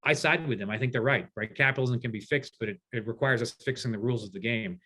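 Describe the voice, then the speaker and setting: A man's voice: medium pitch, fast, sharp tone, breathy edge. A man in his forties, a guest in a discussion, arguing his case with passion. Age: 40s. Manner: passionate, argumentative. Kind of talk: conversational discussion.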